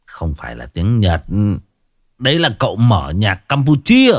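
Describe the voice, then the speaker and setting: A man's voice: on the low side, huge pitch swings, a little slow, no room sound, clean studio sound, exaggerated voice. A man voicing a smug, know-it-all bald old village man. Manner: smug, scoffing.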